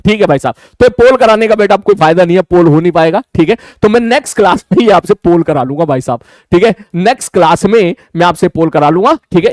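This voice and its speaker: A man teaching a live online class, talking fast and repeating his phrases with frequent checks for understanding. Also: high-pitched, darkish tone, no room sound, studio quality.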